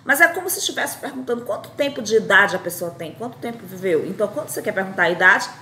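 A woman in her forties from Fortaleza, teaching basic English phrases. Her voice sounds tired and strained, and she repeats each phrase slowly. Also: medium pitch, expressive, sharp tone, reverberant. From Fortaleza, Brazil. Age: 40s. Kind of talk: recorded lesson.

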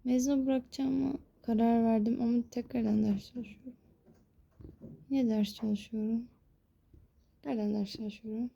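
A woman's voice: fairly high pitch, fairly even intonation, moderate pace, creaky, pauses often, warm tone, highs cut off, slight background noise. A young woman vlogging from her bedroom, ranting in an exasperated, complaining way about studying for her exams. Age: young adult. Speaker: exam student vlogger. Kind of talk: casual vlog rant. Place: bedroom at home.

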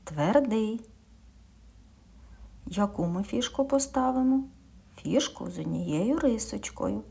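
A woman's voice: mid-range voice, expressive, slow pace, vocal fry, warm tone, husky. A woman kindergarten teacher giving a speech lesson to young children, patiently asking questions and answering them herself, sometimes dropping to a whisper.

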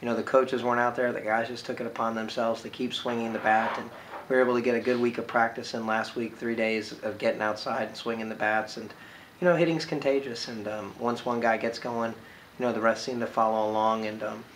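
A man in his thirties, a baseball coach giving a postgame interview, talking quickly and filling pauses with "you know". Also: medium pitch, little pitch movement, fairly bright tone, a little hiss or hum, rough recording. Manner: filler-heavy, with frequent "you know"s. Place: indoor room by large windows.

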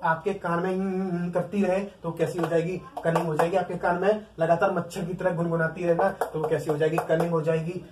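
A man's voice: sits high, flat delivery, fairly quick, few pauses, darkish tone, a little hiss or hum. A man with an Indian accent teaching an exam-prep vocabulary lesson. He drills words by repeating them over and over and keeps asking the class questions. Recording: echoey room, mic at a distance.

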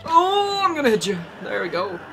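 A let's play gamer giving excitable gameplay commentary and exclaiming often while playing. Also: high voice, normal speed, music in the background.

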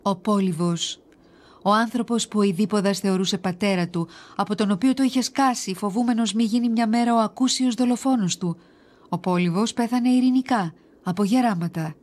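A woman giving steady, measured scripted narration for a children's series on ancient myths. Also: mid-range voice.

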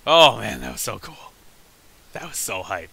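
Excitable man commenting on his gameplay. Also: fairly low pitch, a little slow, vocal fry, husky, rough recording. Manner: excitable, reacting aloud and laughing. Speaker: let's play gamer.

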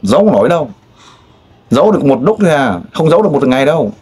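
Pushy teasing interviewer. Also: male voice, a little high, sing-song, racing, a little mellow, slightly rough. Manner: pushy, teasing questioner with frequent exclamations. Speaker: street interviewer. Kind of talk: probing casual interview.

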